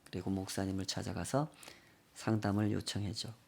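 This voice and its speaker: A man's voice: sits low, flat delivery, brisk, gravelly, a little hiss or hum. A male pastor preaching a sermon, telling a story with acted quotes and rhetorical questions.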